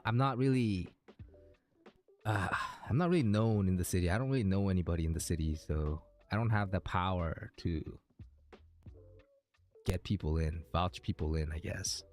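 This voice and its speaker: A man's voice: on the low side, a little mellow. A man streaming a game, chatting casually with viewers in a hesitant, rambling way, thinking aloud.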